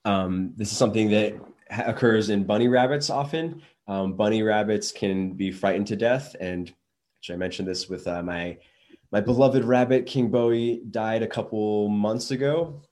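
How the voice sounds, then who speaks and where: A man's voice: fairly low pitch, moderate pace, a little mellow. A young adult man talking casually on his own show, rambling with many restarts and fillers. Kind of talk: casual solo talk.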